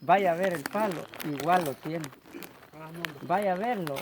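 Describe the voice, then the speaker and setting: A man with a Salvadoran accent tells a spooky story around a campfire, acting out his own words in a lively way. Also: a little high, a little slow, background noise. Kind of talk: casual storytelling. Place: outdoors by a campfire.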